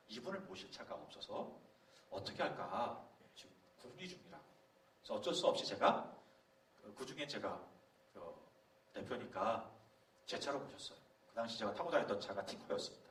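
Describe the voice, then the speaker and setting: A middle-aged man, a pastor, telling a story to a youth leaders' camp in a lively, storytelling way. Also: medium pitch. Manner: animated storytelling, acting out quoted voices. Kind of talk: sermon-style talk at a youth leaders' camp. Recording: roomy hall from a distance, faint background noise.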